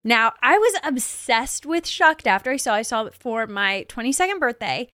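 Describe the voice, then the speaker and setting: A woman's voice: a little high, animated, bright, forceful tone, dry recording, studio quality. A woman of twenty-five hosting her own podcast, talking casually and chattily, with lots of "like" and light laughs. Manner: chatty and bubbly, full of "like" and quick laughs. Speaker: podcast host. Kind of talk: casual solo podcast recap.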